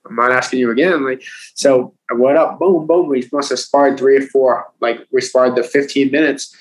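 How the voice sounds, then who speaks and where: A man's voice: medium pitch, normal speed, poor audio. A man in his thirties with a Boston accent, a professional fighter telling his story in a casual interview, acting out quotes with lots of "like" and "you know.". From United States. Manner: animated, acts out quotes, frequent "like" and "you know".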